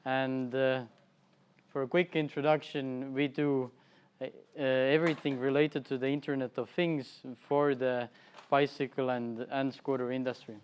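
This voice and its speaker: Estonian-accented man giving a halting presentation. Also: medium pitch, flat delivery, clean tone. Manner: halting, many fillers and restarts. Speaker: conference presenter. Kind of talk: conference presentation. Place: festival presentation hall.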